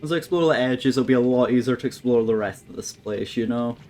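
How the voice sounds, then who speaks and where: A man's voice: medium pitch, fast talker, dark tone, faint music behind. A man giving casual let's-play commentary, thinking aloud and swearing at the game with wry humour. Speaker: gameplay commentator. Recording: faint background noise.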